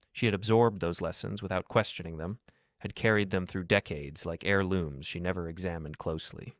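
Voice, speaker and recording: Man, deep voice, dry close sound, scripted story narration, measured. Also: no echo.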